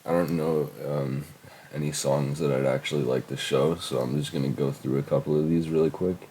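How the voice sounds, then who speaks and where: A congested young man in his late teens, fighting a heavy cold, delivers fairly quick screen-recording commentary on his old music in a warm bass voice with fairly even intonation. He rambles casually, swears, and uses lots of fillers, with slight background noise behind him.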